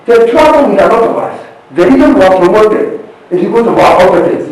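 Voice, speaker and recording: A man's voice: high-pitched, lively intonation, brisk, a little mellow. A man leading a group session on leadership, stressing his points by repeating them and checking in with the class. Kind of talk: interactive teaching session. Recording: echoey room, distant from the mic.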